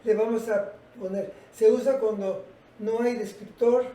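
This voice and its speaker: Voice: mid-range voice, fairly even intonation, a little slow, mellow. A teacher giving a patient lesson and asking the class rhetorical questions. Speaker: English teacher. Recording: roomy, from a distance.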